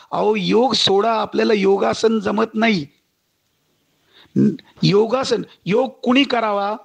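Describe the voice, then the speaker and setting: Male lecturer, high gravelly husky voice, oratorical delivery with recited verses. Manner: oratorical, addresses audience as friends, recites verses. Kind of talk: public lecture.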